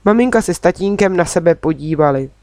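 A woman's voice: fairly low pitch, expressive, darkish tone, no echo. Woman reading a children's story, dry sound. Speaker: audiobook reader. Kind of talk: storybook narration in first person.

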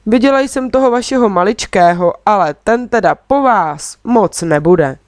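A woman's voice: mid-range voice, animated, a little mellow, dry recording, clean studio sound, natural voice. A woman reading a plump old woman on the ski slope who teases the parents in a cheerful way. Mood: teasing.

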